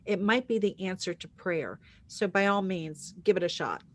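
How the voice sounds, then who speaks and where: A woman's voice: lowish voice, lively intonation, moderate pace. A woman hosting a casual panel talk, speaking in an upbeat way as she wraps up. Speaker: host.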